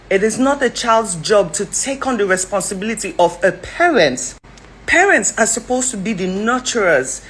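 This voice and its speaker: A woman delivers blunt social commentary in a mid-pitched voice. She lectures her listeners directly and stacks up rhetorical questions. She often talks fast. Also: fairly bright tone, slight background noise, low-quality recording. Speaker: vlogger giving advice.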